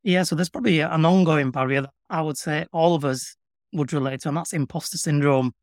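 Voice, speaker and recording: A middle-aged man with a broad Yorkshire accent, speaking in a measured, earnest way as an interview guest. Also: fairly high pitch, no echo, clean studio sound. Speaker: interview guest, public sector communications professional. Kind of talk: reflective conversational interview.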